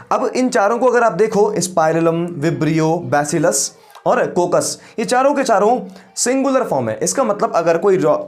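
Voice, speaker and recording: A man teaches biology in a high, lively voice that rises and falls a lot. He asks the class questions, answers them himself and repeats each term slowly so it sticks. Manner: mixes English science terms into Hindi. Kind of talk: classroom lecture.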